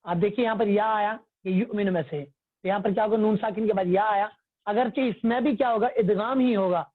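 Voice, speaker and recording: A man's voice: high-pitched, steady tone, dry recording. Male tajweed teacher, patient, asks and answers his own questions, dry close sound, tinny call line. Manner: patient, repetitive, quizzing the class. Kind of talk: online religious class. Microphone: phone or computer mic on a video call. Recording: tinny phone-like online call audio.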